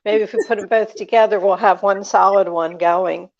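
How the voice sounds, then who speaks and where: An older woman hosting a food show, interviewing a guest and reading plugs and announcements in a slow, deliberate way. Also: medium pitch, fairly even intonation, dull audio. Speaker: radio host.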